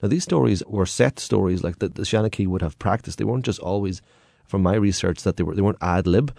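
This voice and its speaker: A man's voice: low-pitched, quick pace, vocal fry, mellow, no room sound, clean studio sound. An Irish man telling stories and anecdotes in a lilting, conversational, colloquial way. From Ireland. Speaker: guest, tour guide and storyteller.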